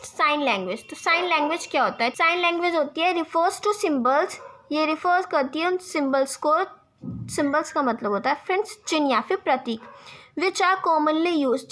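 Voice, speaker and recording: A young woman teacher with an Indian accent, reading English definitions slowly and explaining them in Hindi, asking herself quiz questions and answering them. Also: high-pitched, fairly bright tone. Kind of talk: exam-prep lecture.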